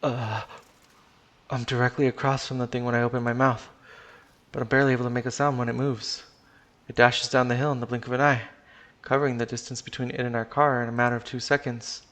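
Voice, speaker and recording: A man narrating a first-person story in a live stream, his delivery casual and unpolished. He curses now and then and backs up to restart sentences, at a middle pitch for a man. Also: level tone, fast, a bit bright.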